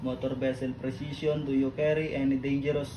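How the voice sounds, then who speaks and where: A man playing a port control operator, asking formal questions in measured radio procedure. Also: medium pitch, flat delivery, close to an everyday voice. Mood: businesslike. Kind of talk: formal scripted maritime radio exchange. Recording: very noisy background ambience.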